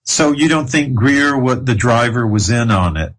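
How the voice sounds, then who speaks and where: A man's voice: mid-range voice, expressive, normal speed, fairly bright tone, poor audio. A male interviewer who politely cuts in with short questions.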